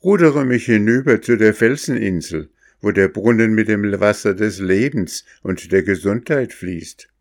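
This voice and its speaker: A man's voice: fairly low pitch, lively intonation, moderate pace, few pauses, pitched above the performer's own voice. A man voicing a brave young princess disguised as a man, in a storybook reading. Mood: pleading. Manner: earnest, pleading.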